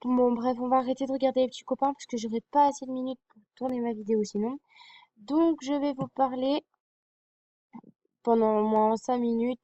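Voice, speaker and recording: A woman's voice: high-pitched, mellow, no echo, muffled recording. A young woman presenting a TV series to her viewers in a casual fan vlog, hesitant and full of fillers and apologies. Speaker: fan vlogger.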